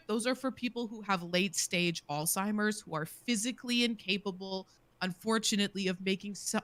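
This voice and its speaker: A woman with a slightly high, pushed and bright voice hosts a casual streamed panel chat, recorded with no echo. She makes her points with passion, rambling and using plenty of fillers.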